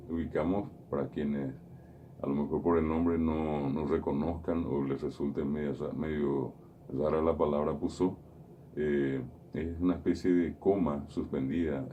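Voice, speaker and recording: A man's voice: a bass voice, phone-quality sound, a little hiss or hum. A man hosting a radio show, patiently explaining pronunciation and repeating his examples. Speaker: radio host teaching Guaraní. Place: radio studio.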